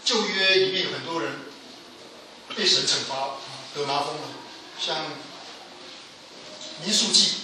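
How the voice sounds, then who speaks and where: A man preaching a sermon with emphatic delivery, his voice rising to loud pleas and falling low again. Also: a little hiss or hum. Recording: echoey hall from a distance.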